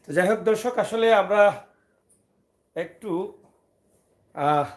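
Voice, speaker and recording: A man's voice: high-pitched, slow pace. A man who makes family vlogs. He coaxes and teases his young son, then turns to speak to his viewers. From Sylhet, Bangladesh. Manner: coaxing and teasing, talking to his child and to viewers in turn. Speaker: father and family vlogger. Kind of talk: casual family vlog.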